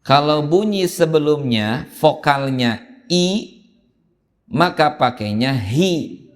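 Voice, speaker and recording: A man teaching Quran reading in a mosque, explaining patiently and chanting drawn-out examples. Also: on the high side, animated. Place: mosque hall. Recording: long hall reverb in a mosque.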